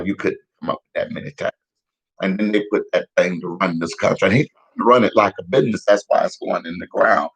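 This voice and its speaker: A man giving casual, profane news commentary in a heated, repetitive rant, a little hoarse. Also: sits low, poor audio. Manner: profane, heated, repetitive, laughs at own jokes. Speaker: vlogger giving street-style news commentary.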